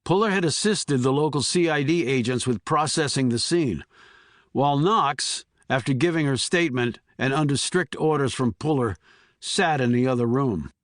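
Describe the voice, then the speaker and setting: A man narrating a thriller audiobook in a measured, even way. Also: mid-range voice, no echo, studio quality. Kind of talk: scripted narration.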